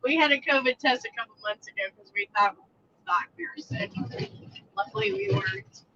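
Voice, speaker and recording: A woman, co-hosting a live stream from a truck and chatting through viewer comments in an animated, laughing way. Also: sits high, fairly quick, highs cut off, slight background noise. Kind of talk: casual live-stream chat reading comments. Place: inside a truck cab on the road.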